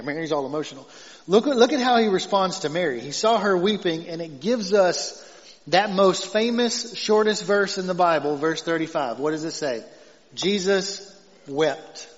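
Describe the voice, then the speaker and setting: A male pastor preaching a conversational sermon, moving from emphatic points to soft, tender passages. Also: sits high, expressive, moderate pace. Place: church sanctuary. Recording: dull sound in a reverberant hall.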